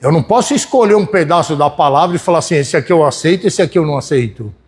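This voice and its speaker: A man with a Brazilian Portuguese accent preaching a sermon to his congregation in church. He speaks in a folksy way, keeps checking in with the listeners, and swings between loud and soft. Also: a little high, expressive, rapid-fire. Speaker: pastor.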